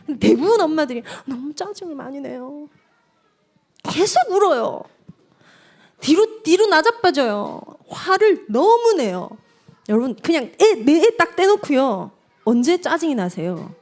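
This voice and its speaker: High, animated woman lecturing. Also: measured pace. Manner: animated, addresses the audience directly, acts out quotes. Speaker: evangelist lecturing at a parent seminar. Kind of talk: lively seminar lecture.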